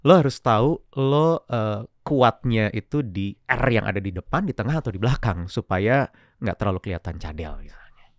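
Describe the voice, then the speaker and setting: A man with a fairly low voice gives casual, explanatory interview answers. He talks like a coach, working through examples and mixing in English words. The recording is dry, with little room sound. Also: expressive, normal speed, no echo. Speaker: public speaking coach and guest.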